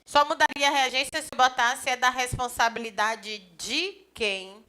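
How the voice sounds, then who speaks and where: A grammar teacher, giving a lively classroom lecture. She chats with students and acts out little dialogues. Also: high-pitched, a little slow. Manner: lively, chatty, acts out little dialogues, often points things out with "ó". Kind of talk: live classroom lecture for a civil service exam course.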